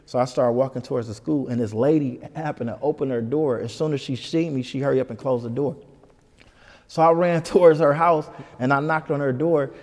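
A man telling a story as an interview guest, animated and full of "you know what I'm saying.". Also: mid-range voice, a little fast, in a large hall. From Detroit. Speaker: comedian guest.

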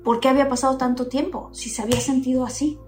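A woman explains what happened in relaxed conversation. Her voice is fairly high and expressive. Faint music runs underneath. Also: fast, roomy sound. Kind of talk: casual chat.

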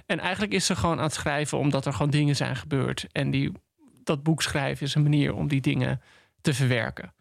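A man with a gravelly, fairly high voice talks books on a podcast, recorded close and dry in a studio. He stumbles and restarts as he retells a plot. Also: no room sound. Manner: halting, full of restarts and ums. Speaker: podcast co-host. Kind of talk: casual book discussion. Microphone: studio microphone.

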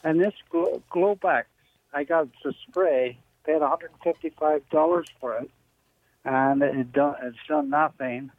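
Male caller on a phone line, slightly high voice, stop-start delivery with lots of uhs, thin lo-fi phone sound. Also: no echo. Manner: halting, with many uh pauses and restarts. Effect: heard over a phone line. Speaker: radio call-in caller. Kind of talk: call-in question to a radio show. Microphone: telephone handset held close to the mouth. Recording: tinny narrowband phone line, dry.

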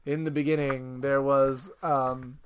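A man's voice: medium pitch, little pitch movement, takes it slowly, slight background noise. A man speaking as a parent guest, telling rambling anecdotes in casual chat and laughing often.

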